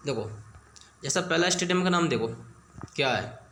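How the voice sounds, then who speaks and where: A man's voice: on the high side, animated, normal speed, noisy background. A young man teaching exam memory tricks in a casual, chatty way, often asking the viewer questions and checking they follow. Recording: echoey room with faint ambience.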